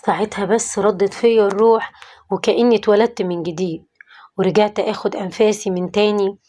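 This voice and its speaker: A woman's voice: mid-range voice, fairly even intonation, a little fast, dark tone, natural voice. A woman voicing a repentant middle-aged former thief who confesses in an Egyptian accent, in a pleading tone. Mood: remorseful. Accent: Egyptian Arabic.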